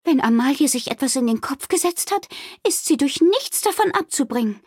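A woman voicing a high, fretful innkeeper. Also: lively intonation, moderate pace, a little mellow, no room sound, studio quality. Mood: urgent. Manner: urgent, fretful, emphatic. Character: worried, motherly woman innkeeper.

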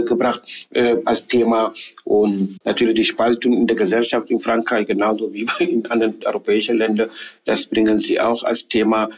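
Man, low voice, husky, hesitant, restarts often, politician in an interview. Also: muffled recording. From Senegal. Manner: halting, with frequent hesitations and restarts. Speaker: member of parliament interviewed as guest.

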